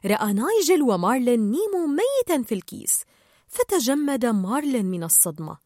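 A woman narrating a children's storybook aloud in an expressive, lively way. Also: fairly high pitch, fairly quick, no echo, clean studio sound.

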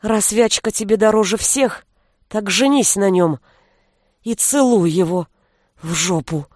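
A reader voicing a tearful young woman who shouts shrilly and rings with anger as she defends her family, recorded dry and close. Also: mid-range voice, a little slow, dry recording, close to an everyday voice. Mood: scolding.

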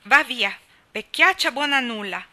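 A bold, imaginative little girl with no patience, put on by a woman reading aloud. The voice is bright and sharp, bossy and excitable. She orders her companion around and flares up quickly. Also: mid-range voice. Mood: excited.

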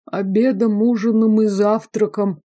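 A woman's voice: mid-range voice, little pitch movement, measured pace, dark tone, pitched above the performer's own voice, natural voice. A woman voicing a stern, sarcastic young male minister from a fantasy audiobook, speaking in dry, stern tones.

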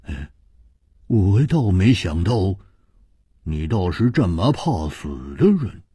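A man's voice: sits low, huge pitch swings, slow, slightly rough, voice pushed down, heavily acted. A man voicing a mocking martial-world woman who sneers and stammers with laughter.

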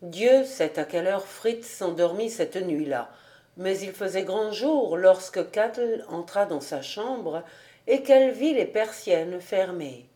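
A woman reading a classic novel aloud as an audiobook, in calm, deliberate storybook narration. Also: mid-range voice. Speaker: audiobook reader.

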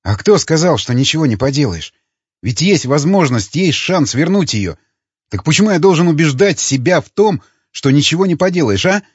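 Impassioned young male rebel, husky, accusing, voiced by a male reader; dry lo-fi sound. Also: on the high side, very animated, moderate pace, no room sound, pitched above the performer's own voice. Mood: defiant. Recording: dull lo-fi recording.

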